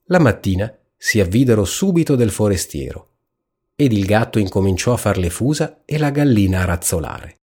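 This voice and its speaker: A man reading a fairy tale aloud in a calm, measured storytelling manner. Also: on the low side, breathy edge. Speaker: narrator.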